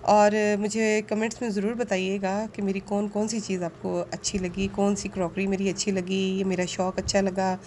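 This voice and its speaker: A woman narrating a casual shopping vlog, speaking politely and earnestly, pausing with fillers now and then. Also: mid-range voice, a little mellow, a little hiss or hum. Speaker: vlogger.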